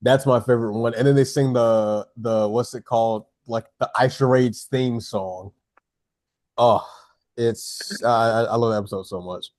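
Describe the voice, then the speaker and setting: A man's voice: mid-range voice, steady tone, normal speed, darkish tone, no echo, clean studio sound. A man co-hosting a casual podcast chat, enthusiastic and jokey. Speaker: podcast co-host.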